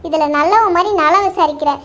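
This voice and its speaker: A woman voicing a sharp-tongued mother-in-law in a cartoon, who scolds her daughter-in-law and dotes on her son. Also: very high voice, brisk. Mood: scolding. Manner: scolding, accusing. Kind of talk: cartoon voice acting.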